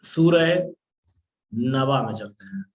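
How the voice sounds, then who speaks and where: Slow and expressive, a man with a medium-pitched voice teaches Quran recitation in an online class. He patiently walks through the rules step by step, stretching out sounds to demonstrate them.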